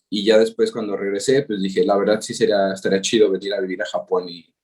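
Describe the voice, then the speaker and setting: Fairly quick and steady in tone, his lowish voice carries a Mexican accent. He's a man in his thirties from Mexico, guest-presenting a webinar over video call from his home in Japan, where he works remotely, and he hesitates a lot, with frequent fillers.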